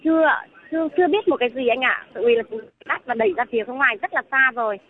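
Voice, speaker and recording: Fast-talking woman from Vung Tau on the phone. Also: sits high, expressive. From Vung Tau, southern Vietnam. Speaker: protester calling in. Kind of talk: phone interview. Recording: tinny phone line with faint noise.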